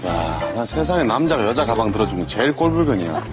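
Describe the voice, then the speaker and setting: A scornful grumbler. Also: male voice, fairly low pitch, sing-song, music in the background. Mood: grumbling. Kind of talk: drama dialogue.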